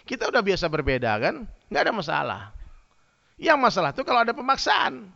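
A man giving a humorous sermon, telling lively stories and addressing his listeners directly. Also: high voice, fairly quick, vocal fry. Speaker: preacher. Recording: dull lo-fi sound.

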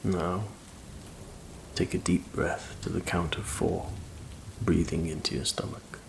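A man with a deep, creaky voice narrates a bedtime sleep story. His delivery is soft, slow and soothing, with very even intonation. Rain patters behind him over faint noise. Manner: slow, calm, hushed, relaxing delivery. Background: rain ambience.

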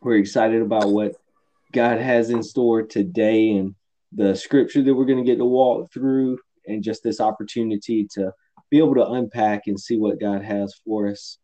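A man's voice: on the low side, fairly even intonation, normal speed, mellow. A man co-hosting a faith podcast in casual chat, upbeat and welcoming, his voice strained after a weekend of singing. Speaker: podcast co-host. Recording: dull lo-fi sound.

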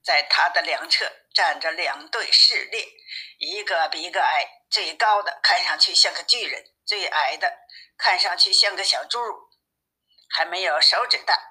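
A woman narrating a classic fairy tale for children in an expressive, steady storybook manner. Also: lowish voice, normal speed, rough recording.

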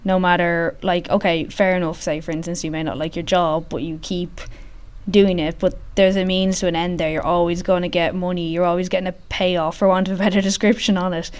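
A woman's voice: on the low side, little pitch movement, a little fast, smooth. A woman podcast host talking casually and informally in an open gym with a slightly echoey sound, rambling and correcting herself as she goes. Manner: informal, rambling and self-interrupting. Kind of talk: casual solo podcast talk.

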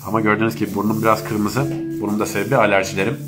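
A man's voice: on the low side, fairly even intonation, rapid-fire, loud music behind the voice. A man with a congested, stuffy nose from allergies, speaking as he politely hosts a casual live-stream chat. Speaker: host of an online live chat.

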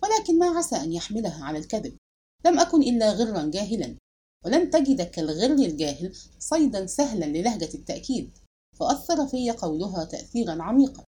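A woman narrating a literary audiobook with expressive, dramatic storytelling. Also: medium pitch, fast talker, breathy edge.

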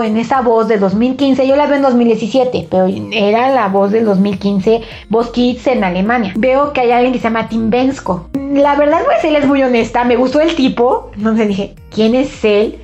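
A woman's voice: on the high side, a little mellow, lo-fi sound. A woman hosting a podcast in a chatty, rambling monologue full of fillers. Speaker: podcast host. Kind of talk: casual monologue.

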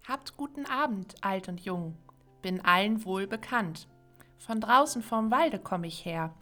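A woman podcast host reciting a classic Christmas poem in a measured, rhythmic way. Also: medium pitch, animated, sharp tone, faint music behind.

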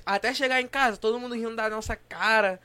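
A young Brazilian man tells a story quickly and animatedly, full of slang. His voice sits high and sounds bright. Friends chatter in the background. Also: steady tone. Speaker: podcast co-host. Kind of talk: casual storytelling among friends.

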